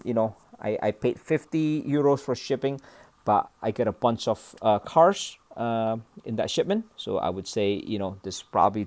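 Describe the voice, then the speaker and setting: Speaking in a lowish, slightly mellow voice, an Indonesian host reviews model cars casually and without a script. He pauses hesitantly, breaks his sentences into short phrases and keeps tacking on brief questioning tags. The recording is dry.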